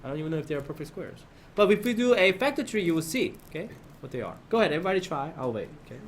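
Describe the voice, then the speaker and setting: Man, teacher addressing class, high-pitched, questioning, instructive, faint background noise. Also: big pitch swings, very fast. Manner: questioning, prompts class for answers and checks understanding. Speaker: math teacher.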